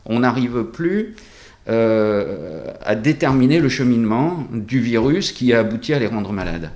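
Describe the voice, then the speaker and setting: A man speaking through a face mask as a doctor in an interview, explaining things deliberately with hesitant pauses. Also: mid-range voice, sing-song, darkish tone. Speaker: doctor at a local practice being interviewed.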